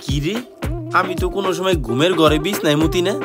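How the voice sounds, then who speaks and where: A man's voice: sits high, fast, close to an everyday voice. A man playing a cowardly elder son who is terrified of ghosts in a comedy skit, whiny and panicky. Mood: puzzled. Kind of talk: comic skit acting. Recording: background music under voices.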